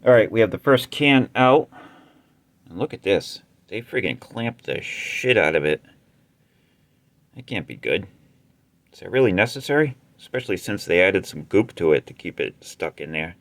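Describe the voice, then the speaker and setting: A man's voice: sits low, big pitch swings, moderate pace, a bit bright. A man hosting a casual repair tutorial, explaining step by step in a laid-back way with some mild cursing. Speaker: amplifier repair host.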